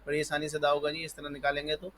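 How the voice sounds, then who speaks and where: A man with a fairly high voice teaches the alphabet for Quran reading. He calls out each letter slowly and loudly, then explains its sound in a quieter, patient way. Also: completely flat delivery. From Pakistan. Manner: patient, repeats "ji" and "parh lijiye". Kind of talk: alphabet lesson.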